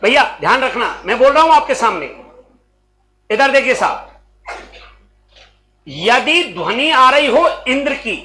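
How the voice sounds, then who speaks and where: Slow, bright teacher. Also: male voice, extremely high pitch, big pitch swings, low-quality recording. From Rajasthan. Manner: calls out questions to students and repeats answers; slow, drawn-out teaching delivery. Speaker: coaching class teacher. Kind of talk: classroom Hindi grammar lesson. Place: classroom.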